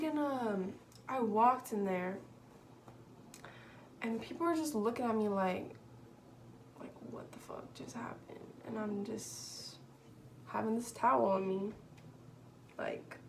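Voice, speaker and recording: A young woman telling a personal story on her vlog in an animated, exasperated way, full of fillers. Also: mid-range voice, a little hiss or hum. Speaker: vlogger.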